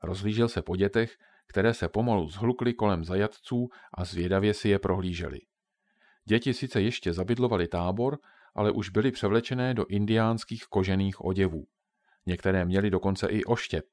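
A man narrating a children's adventure audiobook in a calm, even storytelling manner. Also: fairly low pitch.

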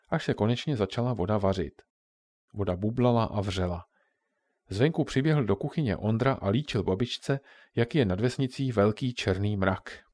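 A man calmly narrating a children's story. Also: on the low side, no echo.

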